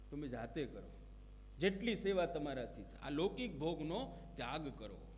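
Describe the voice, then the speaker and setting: A man's voice: a little high, sharp tone, slight background noise. A man giving a devotional discourse, telling stories and acting out quoted prayers and dialogue. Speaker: religious preacher. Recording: long hall reverb.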